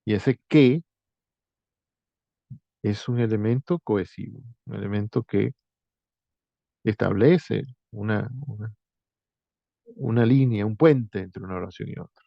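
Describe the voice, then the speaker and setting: A man teacher walking students through a writing exercise, thinking aloud with frequent pauses and restarts. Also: lowish voice, creaky, no echo, highs cut off.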